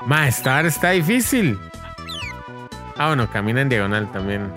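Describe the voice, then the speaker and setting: A man with a Costa Rican accent chatting in a relaxed, joking way while playing retro games. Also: mid-range voice, normal speed. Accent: Costa Rican Spanish. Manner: relaxed, joking, reads out the controls. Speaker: co-host. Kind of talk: casual gameplay chat. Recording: music playing behind. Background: game music.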